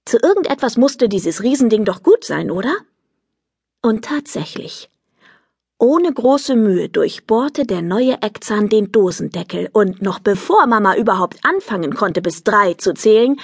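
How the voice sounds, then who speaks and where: A woman narrating a children's audiobook in a lively, expressive storytelling manner. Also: mid-range voice, unhurried, breathy edge, no echo, studio quality. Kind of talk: scripted narration of a children's book.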